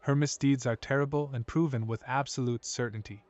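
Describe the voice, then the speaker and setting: A man's voice: medium pitch, fairly even intonation, brisk, a little mellow, dull audio, close to an everyday voice. A man playing a grave, vengeful elf hunter in a video game, speaking formally and solemnly in a hollow voice. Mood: grave, accusing. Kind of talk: video game character dialogue.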